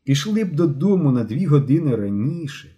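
A man voicing Genka, a hot-headed schoolboy who talks loudly and excitedly. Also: on the high side, fairly quick, pitched above the performer's own voice. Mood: agitated. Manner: excited, shouting.

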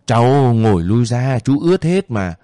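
A man voicing a weary middle-aged guerrilla officer who speaks softly and calmly. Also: mid-range voice, moderate pace, dry recording, studio quality, close to an everyday voice. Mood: gentle.

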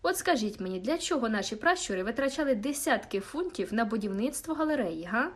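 A woman's voice: on the high side, very animated, fairly quick. A woman voicing an indignant older male village church fiddler who speaks in a fussy, aggrieved, emphatic way.

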